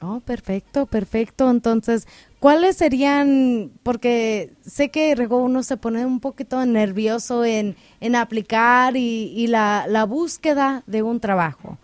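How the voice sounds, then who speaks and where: A woman hosting a radio interview, asking questions in a relaxed way with frequent hesitations. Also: fairly high pitch, a little slow, no echo. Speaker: radio host.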